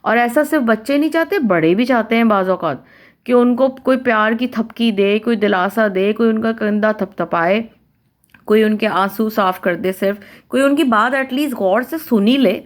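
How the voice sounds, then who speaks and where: A woman from Pakistan giving a conversational talk on family relationships, listing points one by one and acting out what people say. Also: a little high. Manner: conversational, repeats and lists points, acts out quoted speech. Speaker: Islamic family-life speaker.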